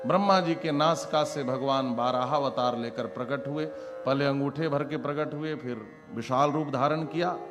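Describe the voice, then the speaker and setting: A man's voice: mid-range voice, normal speed. A man telling devotional scripture stories as a sermon, dramatic, acting out the characters' lines with exclamations. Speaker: Bhagavat katha preacher. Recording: long reverb with instrumental music behind.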